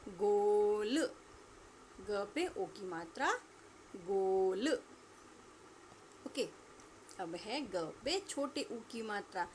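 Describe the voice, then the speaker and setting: Slow, patient woman teaching children. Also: on the high side, a little hiss or hum. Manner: slow, drawn-out repetition for pupils to echo; asks questions and answers them herself. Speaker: school teacher. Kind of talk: online Hindi lesson for young children.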